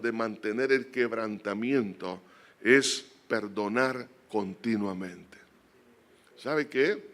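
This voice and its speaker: A male pastor preaching a sermon, rising to emphatic peaks and dropping to quiet, earnest prayer. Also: medium pitch.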